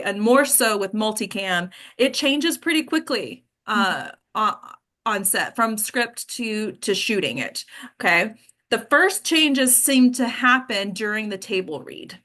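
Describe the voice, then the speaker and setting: A host and acting coach talks informally with actors, frank and speaking straight to her listeners. Her voice is a little high with a fairly bright tone.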